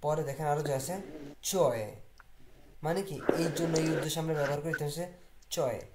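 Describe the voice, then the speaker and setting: Teacher quizzing and drilling words. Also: mid-range voice. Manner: quizzes the class and answers own questions; slowly repeats and drills words. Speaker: language teacher. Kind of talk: classroom vocabulary lesson. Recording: echoey room with faint noise.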